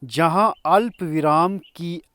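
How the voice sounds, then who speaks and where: Male teacher, slow and explanatory with short coughs, voice a little high, dry recording. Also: a bit bright, no echo. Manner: slow and explanatory, pausing between examples. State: coughing now and then. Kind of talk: grammar lesson.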